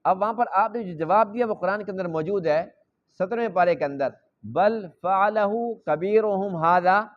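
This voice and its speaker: A man's voice: sits high, dull audio. A man preaching a Quran lesson in a mosque, explaining by repeating phrases and acting out the dialogue.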